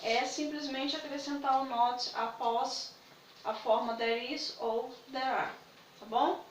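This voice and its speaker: A woman's voice: high voice, steady tone, slow, reverberant, recorded from a distance, slight background noise, poor audio. A woman, patiently explaining English grammar in a video lesson and checking in with her students often. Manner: patient, repeats points with "né?" and "tá?". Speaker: English teacher.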